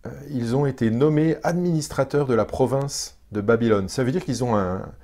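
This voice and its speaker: A man's voice: mid-range voice, moderate pace, warm tone. A man preaching a sermon in a conversational way, often asking the congregation questions and restarting his phrases. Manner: frequent restarts and hesitations.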